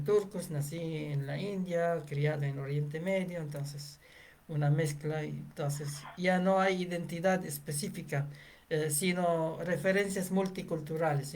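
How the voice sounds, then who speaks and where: A woman hosting a casual interview, speaking slowly with many hesitations and fillers. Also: deep voice, darkish tone. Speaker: interview host.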